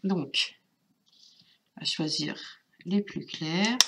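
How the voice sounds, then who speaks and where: A woman with a French accent hosting a craft tutorial, calmly narrating each step, her voice nasal from a cold. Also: fairly low pitch, heavy background noise. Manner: slow, calm, narrates each step with little sound words. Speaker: craft channel host.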